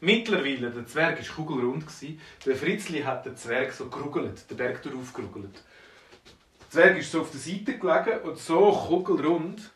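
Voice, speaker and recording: A man with a Swiss German accent telling an improvised bedtime story in an animated manner, with some hesitation. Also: a little high, normal speed, a little hiss or hum. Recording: roomy, distant from mic.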